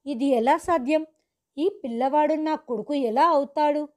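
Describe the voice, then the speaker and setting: A woman voicing a young man who harshly and loudly demands answers from his mother, as a storybook figure. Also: sits high, measured pace. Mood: angry.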